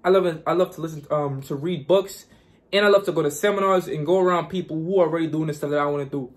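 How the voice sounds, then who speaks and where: Young Guyana-born guy, high voice, pumped-up repetitive money-advice vlogger. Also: fast. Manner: repetitive, hyped, preachy. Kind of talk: casual motivational vlog.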